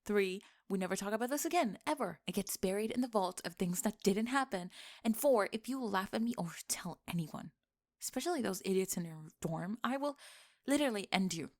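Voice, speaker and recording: In an intimate ASMR roleplay, a woman plays a young tomboy best friend who is bossy and secretly smitten. Her mid-range, expressive voice comes out teasing and defensive, halting and stammering with a bossy, nervous mood.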